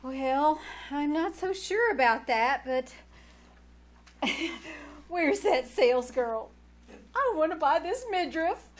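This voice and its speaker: Prim, high-voiced Aunt Lily played by a woman. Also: animated, slow pace, long pauses. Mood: doubtful. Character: hesitant, prim, flustered aunt being made over. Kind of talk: 1940s radio comedy acting, performed live. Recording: noisy live small-theater stage recording.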